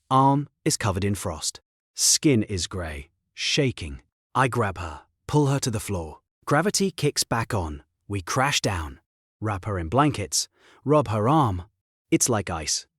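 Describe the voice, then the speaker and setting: A man narrating a story in short, clipped, terse sentences with a husky voice. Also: lowish voice, sing-song, slow pace, no echo, clean studio sound.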